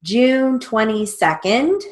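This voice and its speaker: A middle-aged woman teacher dictating a lesson, spelling out letters and punctuation deliberately. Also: on the high side, very animated. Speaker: stenography theory teacher. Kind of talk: instructional lesson with slow dictation. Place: indoors, small room with a plain wall.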